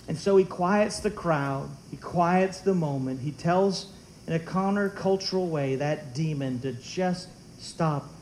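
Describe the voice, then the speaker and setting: A man preaching a sermon in a church, animated and conversational, with humorous asides. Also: high voice, a little hiss or hum, low-quality recording. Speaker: pastor. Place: church sanctuary.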